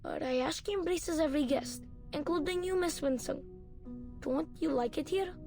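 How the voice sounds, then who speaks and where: A woman's voice: high-pitched, moderate pace, gravelly, a little mellow. A woman voicing an eager, hopeful young child in game dialogue, with a bouncy, sing-song delivery. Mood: pleading. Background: game music.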